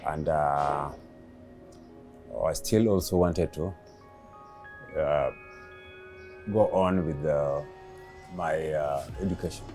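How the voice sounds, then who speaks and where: Man, fifties, very low voice, hesitant with lots of uh, music underneath. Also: a little mellow. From Kenya. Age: 50s. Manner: halting, many pauses and fillers. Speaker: interviewee, father of the late comedian. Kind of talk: hesitant interview answers.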